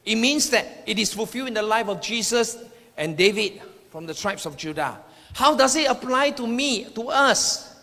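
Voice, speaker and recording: Recorded in an echoing hall with long reverb, a man gives a sermon containing personal prophetic words for the congregation. He sounds expressive and sharp, with a high voice at normal speed, and he repeats phrases while declaring his points emphatically.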